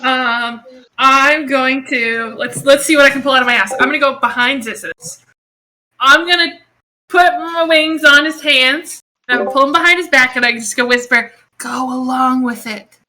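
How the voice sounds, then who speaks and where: A woman's voice: high voice, moderate pace, sharp tone, poor audio. A woman playing a tabletop game, exclamatory and playful. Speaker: player. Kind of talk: tabletop role-play chat.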